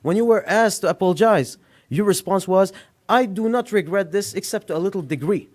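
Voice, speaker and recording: At a podium mic in a public meeting room, a Lebanese man whose first language is Arabic speaks a little fast in a voice somewhat high for a man. During public comment he confronts an official directly and presses each point firmly.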